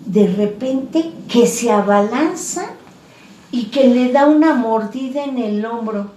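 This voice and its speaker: Woman w telling a creepy story real slow, kinda high voice, echoey room, a bit far off the mic. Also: warm tone, slight background noise. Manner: conversational, many fillers like "pues" and "¿no?". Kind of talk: casual horror storytelling.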